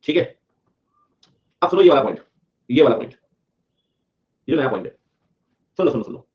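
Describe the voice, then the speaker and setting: A man teaching a live class online, moving between explanation and quick repetition of key points. His pitch sits in an ordinary middle range. The audio has a slightly dull, lo-fi quality. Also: animated. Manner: repetitive, drills points, reads student comments aloud.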